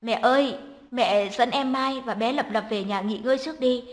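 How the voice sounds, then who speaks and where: A woman reading the lines of a decisive, strong-willed young woman who speaks gently when comforting a child. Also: a little high, moderate pace, lightly acted. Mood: steady.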